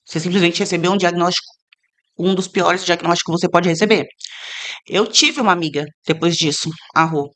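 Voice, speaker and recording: A woman's voice: on the low side, brisk. Earnest woman sharing a faith testimony. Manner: earnest, animated when quoting others. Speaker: guest. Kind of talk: casual interview, faith testimony.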